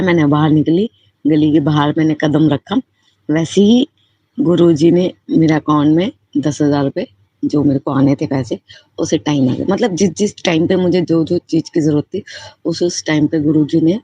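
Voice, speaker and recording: A woman's voice: deep voice, mellow, slightly rough, dry recording. A woman giving a personal devotional testimony, speaking in a heartfelt, repetitive and fervently grateful way. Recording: slightly muffled lo-fi recording.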